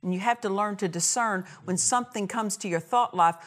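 A woman's voice: medium pitch, a little fast. A woman preaching a sermon in a church, with emphatic repetition and short punchy phrases. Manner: emphatic, repeats key phrases, acts out quoted dialogue.

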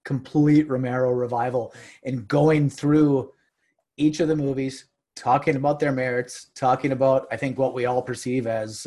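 A podcast guest, a man with a northern Minnesota accent, talks casually and reflectively. His pitch is average, and he often repeats words as he gathers his thoughts. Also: darkish tone.

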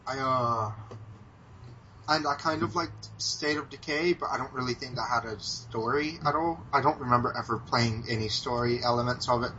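An American man chatting on a podcast, his voice bright and forceful. He stumbles through plenty of ums and restarts and swears casually. The recording is dull and lo-fi, with a faint hiss behind him. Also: mid-range voice, moderate pace. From United States. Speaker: podcast co-host. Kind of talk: casual chat about video games.

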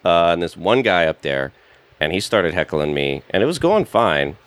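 A man with a fairly low voice, a stand-up comedian in a casual conversation. He tells stories and acts out what others said. The sound is dry and close. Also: big pitch swings, normal speed, fairly bright tone, no echo. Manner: storytelling, acts out quotes. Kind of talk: casual chat.

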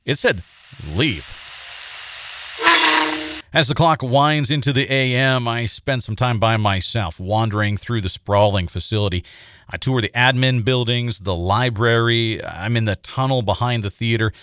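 An American man narrating a scripted paranormal feature as host, in a measured, suspenseful storytelling manner. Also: mid-range voice, fairly bright tone, dry recording, clean studio sound.

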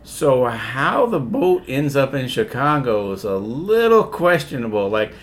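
A man's voice: mid-range voice, very animated, unhurried. A man co-hosting a casual podcast, retelling a movie plot in a loose, profane way. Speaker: podcast co-host.

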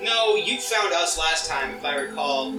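A man's voice: a little high, lively intonation, measured pace. A man playing a tabletop game, chatting casually in and out of character. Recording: echoey, distant mic, loud music.

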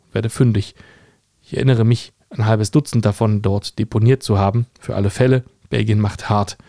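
A man's voice: lowish voice, dark tone, dry recording. A young man from Germany narrating a personal story in a dry, ironic manner. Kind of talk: scripted first-person narration.

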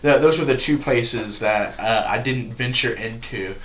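A man's voice: medium pitch, a little slow, fairly bright tone. Young man, teens, podcast guest, rambling, filler-heavy, echoey room, faint background noise. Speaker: podcast guest, spoken word poet. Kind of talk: casual interview chat.

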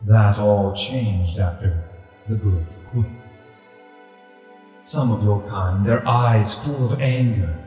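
A man acts out a huge ancient tiger spirit for a tabletop game. The voice is deep and rumbling, with solemn, unhurried phrasing and a calm, unaggressive temper. Music plays clearly underneath. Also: very echoey, big-room sound. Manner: slow, grave, measured storytelling. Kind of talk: tabletop role-play.

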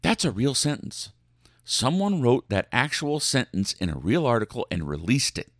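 A male podcast host with a dramatic, extremely animated delivery that leaps and dips in pitch. He reads news aloud and comments with sarcasm and mock outrage, in a close, very dry recording. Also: normal speed, no room sound.

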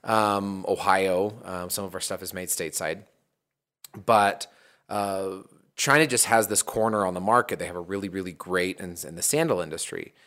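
A man with a fairly low voice, co-hosting a relaxed podcast about running a small business. He wanders through his points with plenty of "um"s and restarted phrases, in an easygoing, conversational way. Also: moderate pace. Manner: rambling, many fillers and restarts. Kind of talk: casual podcast chat.

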